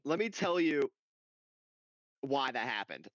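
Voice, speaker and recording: Young man excitedly recapping a game. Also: medium pitch, takes it slowly, dry recording. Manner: excited storytelling, swears a lot. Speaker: podcast co-host. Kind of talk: casual gaming chat. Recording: dull lo-fi dry sound.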